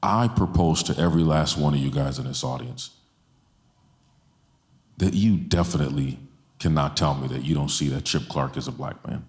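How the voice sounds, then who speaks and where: On stage at a church, a guest speaker in his forties preaches passionately into a handheld mic, repeating lines for emphasis. His voice is a low rumble at normal speed, and the hall sounds roomy.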